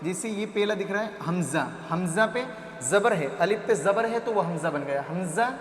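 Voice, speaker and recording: Slow-chanting Quran-primer teacher man in echoey room. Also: high voice, animated, a little hiss or hum. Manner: slow drawn-out chanting of syllables between quick explanations; asks and answers his own questions.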